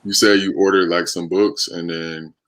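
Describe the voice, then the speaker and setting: An American man with a deep, low voice hosts a live stream, talking casually and conversationally as if answering viewers' questions. His pitch barely moves, his speed is normal and his tone is fairly bright.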